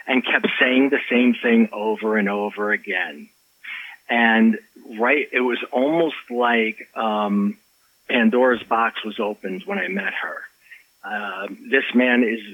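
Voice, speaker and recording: Animated man telling a story. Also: mid-range voice, breathy edge, dry recording. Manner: animated storyteller, acts out quotes, many restarts. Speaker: author and life coach, interview guest. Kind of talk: casual storytelling in an interview. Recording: slightly dull lo-fi audio.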